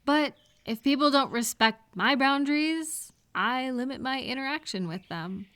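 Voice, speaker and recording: In a supportive advice roleplay, a woman speaks conversationally to a single listener, offering reassurance and explanation. Her high voice is bright, smooth and forceful in tone, delivered at a measured pace.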